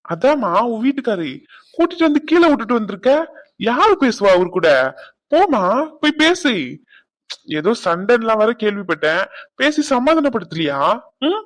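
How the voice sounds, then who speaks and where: A man's voice: extremely high pitch, big pitch swings, normal speed, pauses often, dry recording. A man voicing a playful young man in a cartoon who keeps mocking and teasing his friends. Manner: mocking, teasing, laughs often. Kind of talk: cartoon voice acting.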